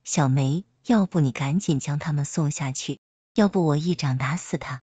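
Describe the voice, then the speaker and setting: A woman's voice: deep voice, moderate pace, warm tone, husky, no room sound. A woman reading a story aloud, voicing a hot-tempered young celestial dragon girl who scolds shrilly. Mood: scolding.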